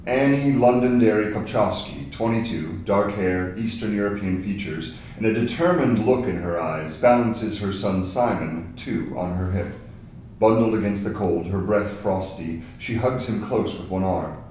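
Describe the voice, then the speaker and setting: A deep male narrator reads stage directions at a table read, his scripted narration slightly mellow and at a moderate pace. The recording comes from a very echoey room with a distant mic and faint noise.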